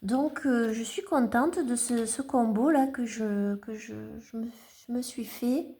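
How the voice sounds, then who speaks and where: A tarot collector shows off her cards in a casual home vlog, speaking hesitantly with lots of fillers and restarts. Her voice is on the high side, warm and unhurried.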